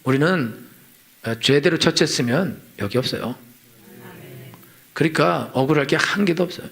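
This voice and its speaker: Forceful, gravelly-voiced Korean pastor preaching. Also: male voice, on the high side, normal speed. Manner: emphatic, rhetorical, repeats lines and acts out complaining voices. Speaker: senior pastor. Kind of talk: sermon. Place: church sanctuary.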